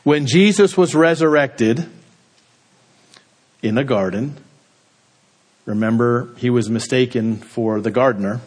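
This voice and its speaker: A man delivering a sermon at a measured, unhurried pace. His voice sits in an ordinary middle register, and he lets each phrase sink to a low, quiet close. He speaks with the steady weight of a pastor addressing his congregation. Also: husky. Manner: slow, deliberate delivery with dramatic drops in pitch and volume at phrase ends.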